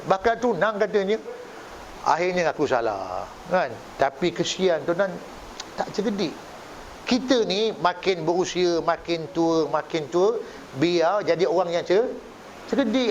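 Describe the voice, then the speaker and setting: A male preacher with a Malaysian Malay accent giving a joking mosque sermon, acting out both sides of a story. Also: sits high. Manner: jokey storytelling, acts out both sides of a dialogue. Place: mosque hall. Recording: dull lo-fi recording with faint hiss.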